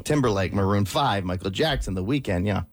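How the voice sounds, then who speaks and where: A man co-hosting a radio show, mid-pitched with a lively, moving intonation. He thinks out loud and restarts his sentences, recorded dry and close. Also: moderate pace, no room sound. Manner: thoughtful, self-correcting. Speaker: radio co-host. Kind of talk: casual studio chat.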